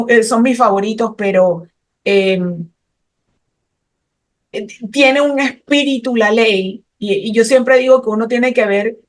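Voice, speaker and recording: Here a Colombian woman in middle age gives an explanatory interview on immigration law, mixing technical points with passion. Her voice is on the high side, and hesitant fillers come up often.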